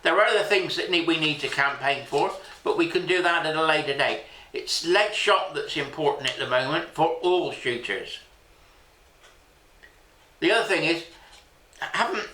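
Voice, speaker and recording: A man with a fairly high, sharp voice speaks a bit slowly as he hosts a country sports channel. He makes an earnest, plain-spoken campaign appeal to his viewers, and the room sounds echoey.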